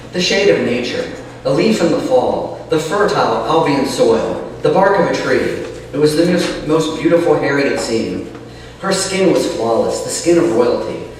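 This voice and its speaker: A man's voice: medium pitch, darkish tone, distant mic, a little hiss or hum. A man chatting and then reading his own novel aloud, sounding like he is in a cave through a cheap mic. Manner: chatty, rambling asides. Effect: cave-like echo.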